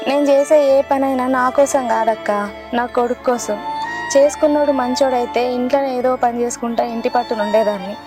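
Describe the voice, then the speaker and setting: A woman's voice: on the high side, steady tone, fairly quick, music in the background, natural voice. A young woman with a Telangana Telugu accent playing a hardworking single mother devoted to her baby son, speaking in an earnest, plain way. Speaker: lead actress.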